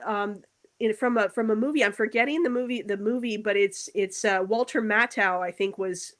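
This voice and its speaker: A woman in a casual podcast chat about movies, rambling and searching for words, quick to laugh. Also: mid-range voice. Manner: laughs easily while telling stories. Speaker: podcast co-host.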